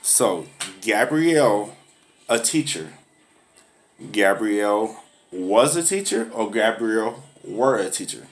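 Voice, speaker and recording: A woman's voice: rumbling low, lively intonation, takes it slowly, heavily acted. A woman playing a patient but firm schoolteacher who drills grammar and scolds a pupil for laughing at classmates. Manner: patient, corrective, lecturing on humility. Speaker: teacher. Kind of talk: comedy skit acting.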